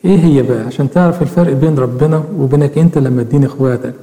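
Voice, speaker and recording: A man's voice: medium pitch, very fast, mellow. A man with an Egyptian Arabic accent preaching a sermon, earnestly questioning his listeners directly. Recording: echoey hall with long reverb.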